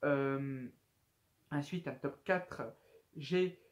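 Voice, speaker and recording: In a casual FAQ chat to camera, a twenty-one-year-old male YouTube host reads out viewer questions, hesitant and full of fillers. His voice is mid-range, and he draws out his words.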